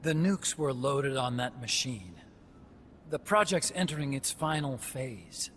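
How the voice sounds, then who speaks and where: An actor with a mid-range voice speaks animatedly at a measured pace, voicing an earnest, talkative young male engineer scientist who explains things at length in a game cutscene. Game score music plays in the background, making it noisy.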